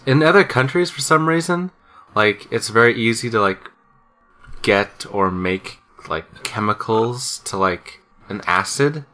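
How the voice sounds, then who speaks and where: A man's voice: medium pitch, pushed and bright. A young man co-hosting a casual podcast, rambling through a story with lots of fillers and restarts. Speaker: podcast co-host.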